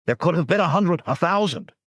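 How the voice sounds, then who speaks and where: A man's voice: a little high, expressive, slightly rough, no echo, clean studio sound, voice pushed up. A man voicing a nervous, shifty male bandit tracker who talks defensively and in a rush. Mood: fearful. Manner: defensive, hurried.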